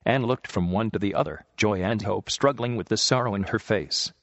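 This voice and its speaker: Low-voiced man reading a story aloud. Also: normal speed, fairly bright tone. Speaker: narrator. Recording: dull lo-fi recording with long reverb.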